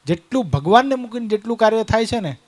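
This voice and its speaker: A man's voice: high-pitched, lively intonation, fast. A man telling a devotional story in a sermon, chatting and questioning his listeners. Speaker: preacher.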